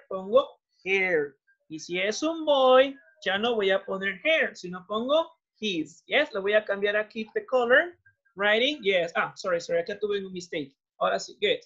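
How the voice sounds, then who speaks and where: Her voice is fairly high and a little bright. This Peruvian-accented woman runs an online English lesson, blending Spanish with English and praising students again and again, though the video call sound is muffled.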